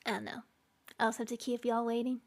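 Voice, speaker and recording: Fast and on the high side with little pitch movement, her voice carries a casual live stream chat with her viewers. She giggles, laughs often between lines and trails off with fillers.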